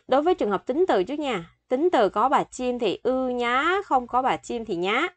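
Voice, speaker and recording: A woman's voice: on the high side, dry recording. A woman in her thirties teaching a language lesson, patiently explaining and repeating example phrases several times.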